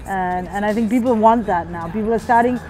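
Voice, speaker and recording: A woman in her thirties, raised in Switzerland, talks about her work as a graffiti artist in a documentary interview. She speaks at an ordinary middle pitch and reflects as she goes, often restarting a phrase. Hip-hop music plays clearly underneath her. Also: fairly quick, darkish tone, some chatter behind, low-quality recording. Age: 30s. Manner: reflective, thinks aloud with small restarts.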